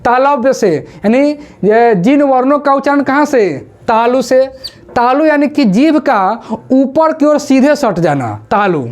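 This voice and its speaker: Grammar teacher, female, high voice, slow drilled pronunciation for exam prep. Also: animated, darkish tone. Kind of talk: exam-prep classroom lesson. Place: classroom with a board.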